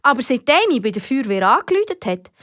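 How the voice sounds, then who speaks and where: Swiss lady reading a kids story, fairly high voice, dry close mic. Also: fast talker, no room sound. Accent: Swiss German. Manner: lively, expressive storytelling. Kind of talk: children's audiobook narration.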